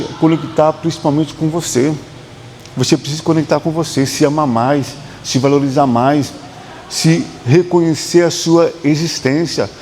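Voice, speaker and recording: A man with a Brazilian Portuguese accent speaks as a psychotherapist, repeating his points in a preaching rhythm. His voice sits a little high and has a gravelly edge. The room adds a lingering reverb over faint background noise. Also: darkish tone. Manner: emphatic, repetitive preaching cadence with quoted dialogue. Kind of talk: motivational talk.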